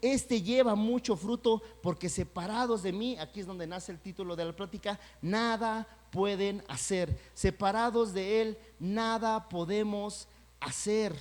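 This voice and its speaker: A pastor preaching a sermon, talking conversationally and then building to loud, emphatic peaks. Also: male voice, high-pitched, a little slow. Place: church sanctuary. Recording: church hall with long reverb.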